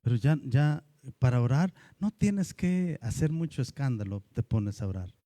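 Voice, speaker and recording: A man with a Mexican Spanish accent, a pastor preaching a lively sermon and acting out the voices of churchgoers. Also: medium pitch, normal speed, dry recording.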